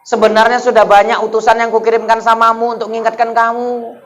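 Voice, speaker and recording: A preacher voicing a calm, patient male angel of death. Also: very high voice, quick pace. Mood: solemn.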